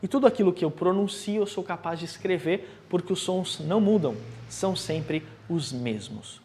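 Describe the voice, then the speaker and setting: Male language teacher, fairly high animated voice, patient careful explainer. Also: a little hiss or hum. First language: Portuguese. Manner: explains slowly, repeats phrases with exaggerated articulation. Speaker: Italian teacher. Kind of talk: language lesson, modeling pronunciation for repetition.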